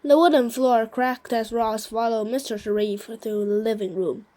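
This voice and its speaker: Woman reader, slow unpolished storybook read-aloud, warm dark tone, frequent self-corrections. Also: on the high side, steady tone, rough recording. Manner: slow, halting reading with frequent restarts on hard words. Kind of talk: reading a children's novel aloud.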